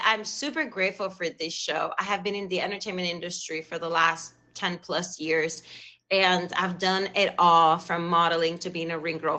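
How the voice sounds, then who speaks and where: She speaks in a lowish, sharp voice. A thirty-something woman from Cuba with a Cuban Spanish accent, she hosts a live stream talk show, effusive and talkative, repeating her thanks.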